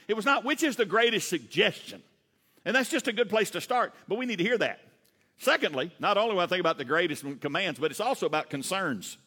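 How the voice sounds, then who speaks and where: Fast-talking Southern preacher, bright voice. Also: male voice, high voice, long reverb tail. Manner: fast, animated preaching with rhetorical questions to the congregation. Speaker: pastor. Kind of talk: sermon. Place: church sanctuary.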